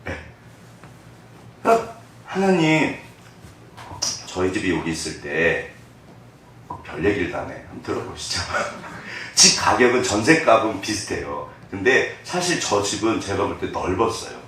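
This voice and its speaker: A man preaching a conversational sermon as pastor, swinging between hushed asides and animated bursts. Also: deep voice, unhurried, pauses often, a little hiss or hum. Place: church sanctuary. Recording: echoey church hall from far off.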